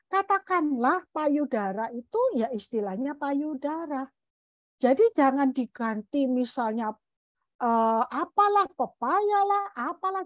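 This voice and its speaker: A woman's voice: high voice, dry recording. A middle-aged woman giving an informal talk to parents at a parenting seminar, speaking expressively and addressing the audience directly.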